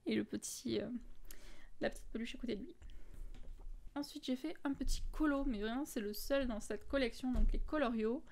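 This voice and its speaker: A woman's voice: on the high side, moderate pace, gravelly, a little mellow. A woman from France talking casually through her finished coloring pages, listing her art supplies with lots of fillers and self-corrections. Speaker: coloring book vlogger.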